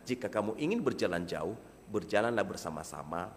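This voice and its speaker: A man preaching a sermon to a congregation, animated, swinging from soft asides to loud emphasis. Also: lowish voice, a little fast, in a large hall.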